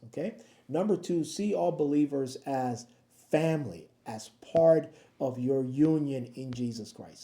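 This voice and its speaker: A man's voice: mid-range voice, dark tone. A man, a pastor, giving a daily devotional Bible talk to the camera, chatty and often checking in with his listeners. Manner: conversational, keeps checking in with "okay?" and "right?". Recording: echoey room.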